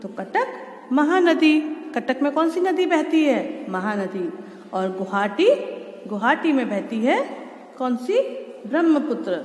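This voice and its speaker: A woman's voice: high-pitched, very animated, a little slow, darkish tone. A woman teacher with an Indian English accent gives a recorded lesson to young pupils in Hindi and English, spelling words out letter by letter and asking questions. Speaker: school teacher. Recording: echoey room, long reverb.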